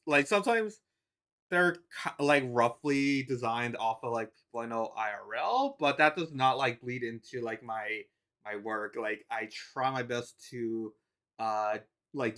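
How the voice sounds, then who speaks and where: A male streamer and comic artist talks off the cuff, looping through fillers and false starts and laughing between thoughts. His voice is bright and forward, with a clean, smooth tone. His pitch sits in the middle for a man. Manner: rambling, full of "like" and restarts. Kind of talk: casual live-stream chat.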